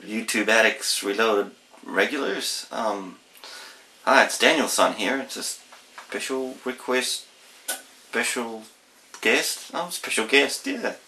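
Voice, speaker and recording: A man with a broad Kiwi accent rambles playfully to camera. His voice is bright and forceful with a gravelly fry, and the small room adds noticeable echo. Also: mid-range voice, lively intonation, slow pace, a little hiss or hum. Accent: broad New Zealand (Kiwi). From New Zealand. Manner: goofy, playful, repeating phrases. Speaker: vlogger, guest presenter. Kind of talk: casual rambling chat to camera. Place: small plain room indoors. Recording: roomy indoor echo.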